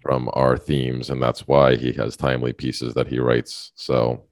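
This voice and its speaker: A man with a very low, deep voice co-hosts a casual podcast, rambling and restarting his sentences as he goes. He laughs often. The sound is dry and close, with no room echo. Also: little pitch movement, a little slow. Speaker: podcast co-host. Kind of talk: casual chat.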